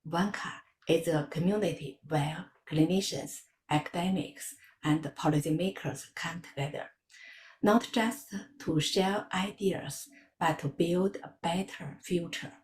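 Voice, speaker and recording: A woman from China giving a prepared campaign speech in a measured, earnest way. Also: lowish voice, darkish tone, reverberant, slight background noise. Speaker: election candidate.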